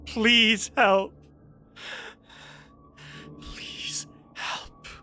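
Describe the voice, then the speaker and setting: A man's voice: a little high, unhurried, music in the background, lightly acted. A man voicing an anguished female warrior monk with a burning portal in her hand, wailing pained pleas.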